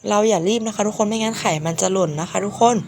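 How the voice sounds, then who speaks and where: A woman with a hoarse, sick-sounding voice giving casual game commentary, politely addressing her viewers. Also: medium pitch, steady tone, quick pace, darkish tone, slight background noise. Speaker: gaming video host.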